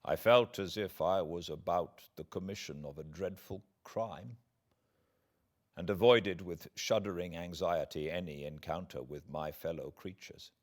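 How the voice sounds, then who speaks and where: With a low voice and a British accent, a male audiobook narrator reads classic literature aloud. His delivery is deliberate and theatrical, marked by dramatic pauses.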